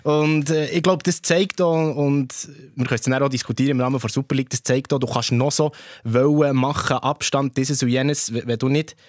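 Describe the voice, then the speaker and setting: Fast-talking Swiss German guest. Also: male voice, mid-range voice, fairly even intonation, dry recording. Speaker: podcast guest. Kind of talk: casual football chat.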